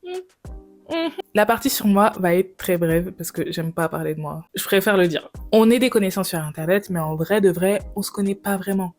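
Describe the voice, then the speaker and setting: A young woman from France in her late twenties, chatting to her viewers in a relaxed vlog. She talks at a medium pitch in a playful, confiding way, slipping in bits of English, with faint music under her voice. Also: normal speed, no echo. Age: 20s. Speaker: YouTuber. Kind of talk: casual vlog monologue.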